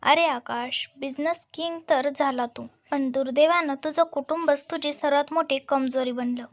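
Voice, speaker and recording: A woman's voice: high-pitched, moderate pace. A woman voicing a cruel male villain who mocks and gloats, in a storybook reading. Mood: gloating. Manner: mocking, gloating.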